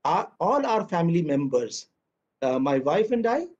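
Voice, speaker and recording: Indian english guy in his fifties, author chatting w jokes, highish voice, dull lo-fi sound. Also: big pitch swings, normal speed, a little mellow. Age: 50s. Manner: chatty, humorous, mixes in Hindi. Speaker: children's author. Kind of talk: storytelling workshop talk. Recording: dull lo-fi recording.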